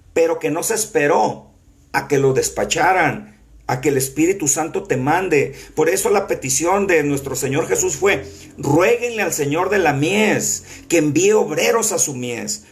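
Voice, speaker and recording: A male preacher with a slightly high-pitched voice teaches a Bible class. He talks earnestly and conversationally, weaving scripture quotes in with frequent fillers and false starts. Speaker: apostle teaching a prophetic school class. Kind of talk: sermon-style Bible teaching.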